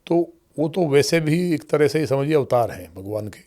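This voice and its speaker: A man who is a state legislator, answering interview questions at length in a measured storytelling way and using formal honorifics for other leaders. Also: a little high, lively intonation, warm tone. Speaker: politician guest, state legislator. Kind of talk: long-form podcast interview answers.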